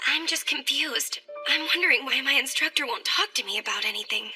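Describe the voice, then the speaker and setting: An earnest young student. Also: female voice, sits high, fairly quick, pushed and bright, faint music behind. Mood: worried. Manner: earnest, worried. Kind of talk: anime English dub.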